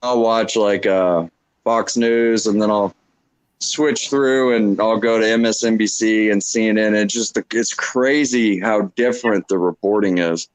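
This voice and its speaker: A middle-aged man co-hosting a casual political chat, speaking haltingly with frequent restarts. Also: lowish voice, steady tone, clear, resonant tone, rough recording. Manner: halting, restarts, agreeing interjections. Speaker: co-host.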